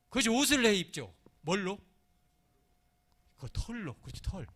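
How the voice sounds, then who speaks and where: A male pastor delivers a midweek sermon in an animated, conversational way, his pitch rising and falling widely. He keeps asking the congregation questions and answering them, then drops into soft, hushed phrases. His voice sits a little higher than most men's. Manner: acts out little scenes in other voices; swings from loud emphasis to soft, hushed phrasing.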